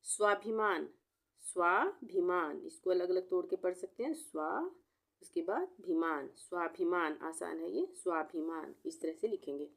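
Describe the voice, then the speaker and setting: A woman teaching a spelling lesson, breaking words into syllables and repeating each one slowly. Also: fairly low pitch, expressive, gravelly. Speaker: Hindi teacher.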